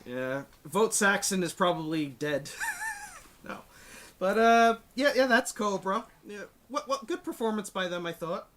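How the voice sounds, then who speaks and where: Podcast host, male, bright and lively, rambles and self-interrupts. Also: high-pitched, a little slow. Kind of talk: casual podcast chat.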